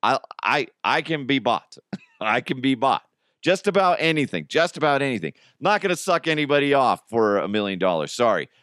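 This middle-aged podcaster's mid-range, slightly bright voice swings widely in pitch as he goes through a casual, crude solo bit, performing imaginary back-and-forths. He talks at a moderate pace, and the recording is dry and studio quality.

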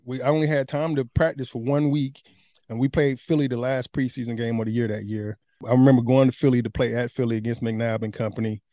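A man telling a candid personal story in casual, animated conversation. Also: mid-range voice, no echo. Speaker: guest.

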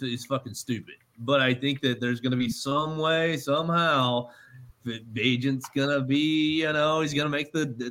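A man's voice: mid-range voice, fairly bright tone. A man appearing as a guest on a casual sports podcast, hesitant and swearing freely.

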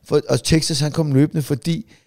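A man's voice: a little high, flat delivery, creaky, darkish tone, no room sound. A middle-aged man co-hosting a podcast, telling anecdotes in casual chat and laughing easily, checking in with "right?". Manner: laughing storyteller, repeats "ikke?". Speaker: podcast co-host.

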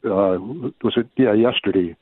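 Fairly low-voiced guy calling into a football podcast, thin phone-line sound, calm and measured. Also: no room sound. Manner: measured, hedges with "I think". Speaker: podcast co-host, sportswriter. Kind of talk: casual sports talk.

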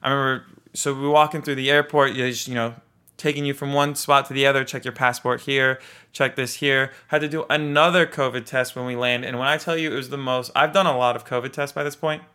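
A young adult man casually telling a personal story, animated, acting out the people he quotes. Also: mid-range voice, brisk, clean tone. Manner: animated, vivid retelling with voiced quotes.

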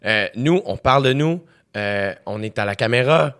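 A man's voice: mid-range voice, animated, normal speed, a bit bright, smooth. A man hosting a casual podcast, agreeable and tossing in English phrases. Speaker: podcast host.

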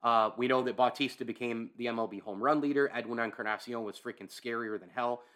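A man's voice: mid-range voice, steady tone, fast, fairly bright tone. A man hosting a sports podcast, giving casual solo commentary in a conversational way, repeating phrases and checking in with the listener. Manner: conversational, repeats phrases, asks "right?" for emphasis.

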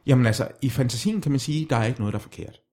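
A man playing a self-styled sexologist in a comedy chat, deadpan and hesitant, stumbling over repeated words. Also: medium pitch. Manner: hesitant, halting with many restarts.

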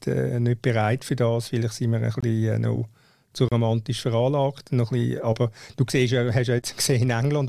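A Swiss German-accented man debates in a casual panel talk. His mid-pitched voice is creaky and gravelly, recorded dry, and he repeats phrases for emphasis. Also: mellow, no echo. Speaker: football panellist. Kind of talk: casual discussion.

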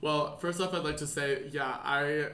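A man's voice: a little high, fairly even intonation, measured pace, pushed and bright, reverberant. A man in his thirties from Kentucky, a podcast guest chatting casually and rambling with lots of fillers. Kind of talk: casual chat.

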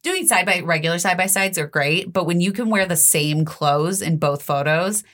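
A woman's voice: on the low side, moderate pace. A woman co-hosting a podcast in a studio, telling stories animatedly and swearing heavily. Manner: animated storyteller, heavy swearing. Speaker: podcast co-host. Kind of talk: casual podcast chat.

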